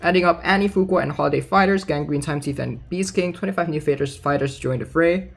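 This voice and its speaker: Over background music, a man who makes gaming content reads game news aloud and riffs on it informally, thinking out loud. He speaks fast in a slightly high, creaky voice.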